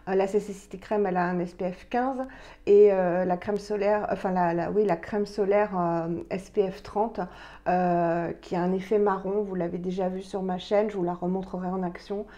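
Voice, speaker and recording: In her fifties, this beauty vlogger has a mellow, medium-pitched voice that stays fairly flat and moves at a moderate pace. She chats through a casual skincare review, full of fillers and restarts.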